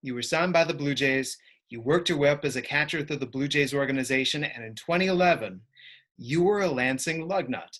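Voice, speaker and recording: A man interviewing a guest for a baseball team, asking clear, upbeat questions. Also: medium pitch, brisk, a bit bright.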